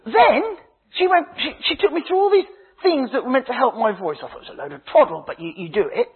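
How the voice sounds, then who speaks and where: A man, a minister, preaching a sermon with a husky voice, slow emphatic phrases that drop to a hush, and humorous stories. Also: extremely high pitch, lively intonation. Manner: dramatic preaching, slow emphatic phrases dropping to hushed tones; humorous storytelling. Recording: tinny phone-like sound.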